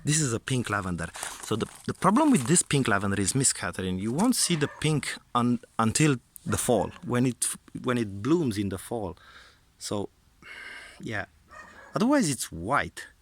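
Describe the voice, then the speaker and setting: A man with a medium-pitched voice and big pitch swings gives a casual, unscripted garden tour outdoors at a moderate pace. He sounds hesitant, often repeating words as he narrates his vlog, with clear outdoor background noise.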